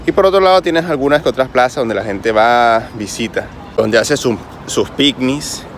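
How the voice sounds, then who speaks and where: A man's voice: medium pitch, normal speed. Chatty Caribbean man vlogging outdoors. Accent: Caribbean Spanish. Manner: chatty, explanatory, addresses viewers directly. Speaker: travel vlogger. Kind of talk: casual travel vlog explanation. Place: outdoors on a city street. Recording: clear street noise behind voice. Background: traffic and street ambience.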